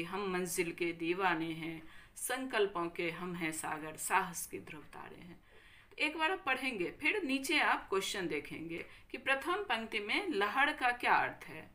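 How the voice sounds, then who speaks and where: A woman teacher with a Bihari Hindi accent giving a recorded grammar lesson, slowly repeating each word and checking in with her students. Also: mid-range voice, pushed and bright. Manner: slow, careful, repeats each word and checks with "thik hai".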